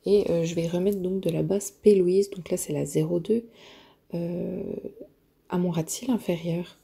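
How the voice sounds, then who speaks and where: A woman narrating a makeup tutorial, hesitant and full of filler pauses, often dropping to a near-whisper while she works. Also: fairly low pitch, fairly even intonation, gravelly, mellow, slightly rough. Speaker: beauty vlogger.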